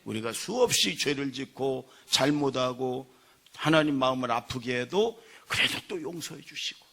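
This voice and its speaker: A male pastor preaching a sermon in church, telling stories with acted-out quotes and building to loud emphasis. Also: medium pitch, expressive, moderate pace, vocal fry. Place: church sanctuary.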